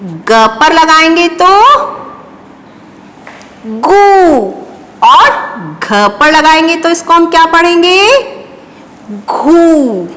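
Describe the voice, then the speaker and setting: Slow, patient, high-voiced woman teacher. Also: a bit bright, in a large hall. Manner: slow, patient, call-and-response questions and praise. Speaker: primary school teacher. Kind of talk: children's handwriting and phonics lesson.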